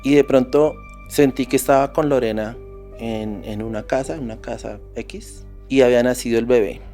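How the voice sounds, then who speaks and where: A man's voice: medium pitch, steady tone, moderate pace, mellow, faint music behind. A Colombian man, a podcast guest, tells a personal story in a vivid, intense way with frequent restarts. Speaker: interview guest.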